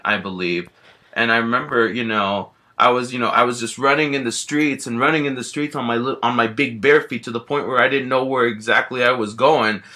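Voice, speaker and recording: A man playing a big, gentle grizzly bear who tells a rambling first-person story, packed with fillers and easily frightened. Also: medium pitch, natural voice. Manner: rambling, constant "you know" fillers.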